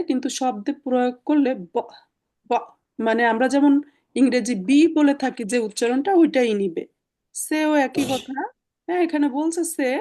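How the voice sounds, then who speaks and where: A woman's voice: high-pitched, mellow. Woman teaching an online class. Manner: patient, explaining step by step with many fillers. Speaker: German language teacher. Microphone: video call.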